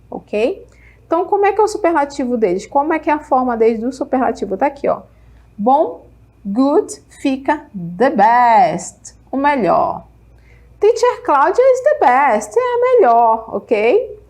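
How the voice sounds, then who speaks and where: A Brazilian woman with a slightly high voice leads an English class in a Brazilian Portuguese accent. She is upbeat and encouraging, keeps checking that her students are following, and says each English word slowly so they can repeat it. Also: darkish tone. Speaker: English teacher. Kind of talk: televised classroom lesson.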